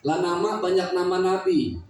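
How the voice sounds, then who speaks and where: This is a man from Jakarta, Indonesia, preaching in a Betawi Malay accent at a community gathering. His religious talk is humorous, full of jokes and teasing questions for the audience. His voice sits high with a darkish tone at a normal speed, and the recording has an echoey, distant hall sound.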